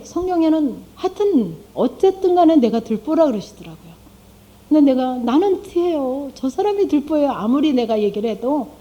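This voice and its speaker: A middle-aged woman speaks to a congregation as a lay speaker, pitched a little high with a deeply mellow, dark tone. She talks conversationally, tosses rhetorical questions to her listeners and voices her own prayers aloud. The recording sounds dull and lo-fi. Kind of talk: church testimony talk.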